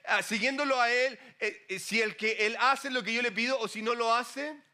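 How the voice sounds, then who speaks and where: Brief: male pastor, middle-aged, high bright voice, chatty preaching style. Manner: conversational, animated preaching with asides to the congregation. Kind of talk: sermon.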